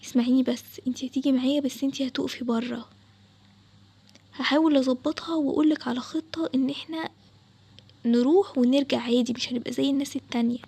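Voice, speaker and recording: A woman's voice: high-pitched, fairly even intonation, quick pace, husky. Woman voicing a daring young Egyptian boy. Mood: bold. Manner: confident, reassuring, hushed at times. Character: bold young boy Adam, daring treasure hunter.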